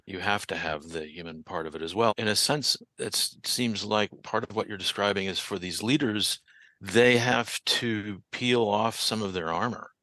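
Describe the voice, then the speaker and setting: A man's voice: fairly low pitch, moderate pace, pushed and bright, dry recording. A man co-hosting a podcast interview, giving thoughtful reflections with some hesitation. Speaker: podcast co-host. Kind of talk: casual interview.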